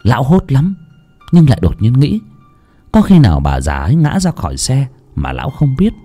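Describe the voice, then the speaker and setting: A man narrating a ghost story in a dramatic, animated storytelling voice. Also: medium pitch, moderate pace. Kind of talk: scripted horror narration. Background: faint background music.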